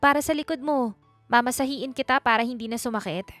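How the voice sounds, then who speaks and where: A woman's voice: fairly high pitch, brisk, a bit bright, no room sound, faint music behind, pitched above the performer's own voice, natural voice. A woman voicing a timid young provincial schoolteacher who stammers and keeps apologizing in a storybook reading. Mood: earnest.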